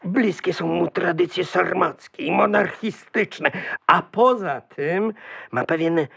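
An actor playing an older uncle who schemes for a monarchy, speaking slowly and earnestly in an audio drama. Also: male voice, high-pitched, vocal fry, husky, no room sound, exaggerated voice.

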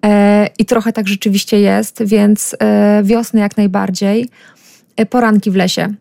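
A woman's voice: medium pitch, little pitch movement, measured pace, gravelly, mellow, dry recording, clean studio sound. A woman speaking as a radio guest, a forest bathing guide talking thoughtfully with many hesitations. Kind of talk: casual radio conversation.

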